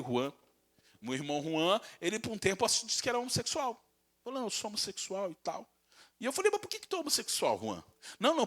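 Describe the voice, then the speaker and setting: A male pastor preaching a sermon. He keeps asking the congregation rhetorical questions, acts out quoted insults, and stretches words as his loudness rises and falls. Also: high-pitched.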